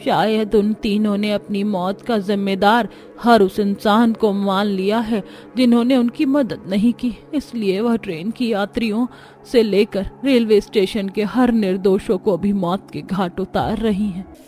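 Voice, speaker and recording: A woman's voice: medium pitch, fairly even intonation, measured pace, warm tone, faint music behind. A woman narrating a cartoon horror story in a dramatic, suspenseful storytelling style.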